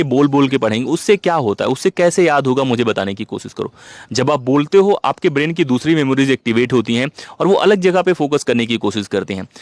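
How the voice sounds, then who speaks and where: A man's voice: mid-range voice, no echo. A young man from India teaching exam aspirants in a direct, conversational lecture style. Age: young adult. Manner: direct, conversational, addresses viewers as "yaar". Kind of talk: explanatory lecture to students.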